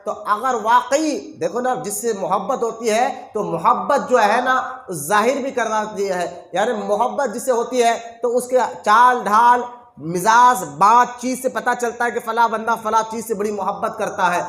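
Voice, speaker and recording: Impassioned high-voiced male preacher. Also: fairly bright tone, reverberant. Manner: impassioned, rhetorical, repeating phrases for emphasis. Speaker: spiritual guide preacher. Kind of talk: Urdu sermon.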